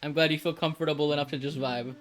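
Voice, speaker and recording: A man's voice: on the high side, fairly even intonation, fast talker, a bit bright, faint music behind. A man in his thirties chatting casually on a live stream, rambling and laid-back with lots of fillers.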